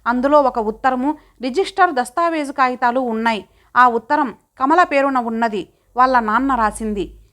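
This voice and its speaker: A woman reading a first-person audio story in a steady, dramatic way. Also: high voice, moderate pace. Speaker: audiobook narrator.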